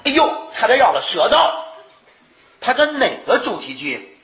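A man teaching an English exam class in a lively lecture, firing rhetorical questions at the students and answering them himself. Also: sits high, moderate pace, noisy background. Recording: echoey lo-fi room recording.

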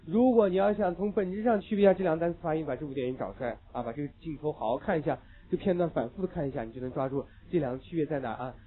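Brisk, emphatic male English teacher, tinny sound. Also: a little high. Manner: emphatic, repeats key points, joking asides. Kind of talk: classroom lecture. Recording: tinny lo-fi phone-like recording.

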